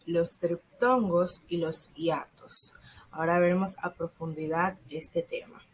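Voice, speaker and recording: A teenage secondary school student reads a school lesson aloud from a script, slowing down on the examples. Her voice is lowish, and the recording is rough.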